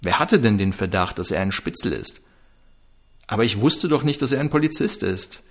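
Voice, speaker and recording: A man voicing a desperate young man who shouts in panic. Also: on the low side, animated, moderate pace.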